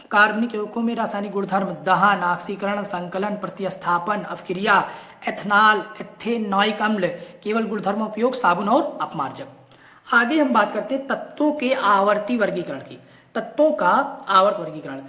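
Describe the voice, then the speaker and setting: A woman teacher goes through a syllabus point by point, often asking a question and then answering it herself. Her voice sits at an ordinary middle pitch. The room around her gives it a clear echo. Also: normal speed, a bit bright. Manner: reads topic lists one by one. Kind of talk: syllabus walkthrough lesson. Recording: echoey room.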